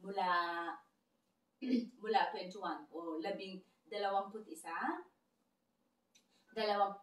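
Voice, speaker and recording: A woman language teacher leading a counting drill, reading number lists aloud carefully and deliberately. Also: medium pitch, far from the mic. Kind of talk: slow counting drill lesson. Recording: roomy echo, voice away from the mic.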